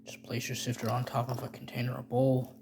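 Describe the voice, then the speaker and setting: A man's voice: medium pitch, completely flat delivery, brisk, gravelly, a little mellow, slight background noise, close to an everyday voice. A man playing a rambling, stammering middle-aged chemist cook in a comedic how-to tutorial. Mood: dry, instructive. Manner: rambling, stammering, self-correcting.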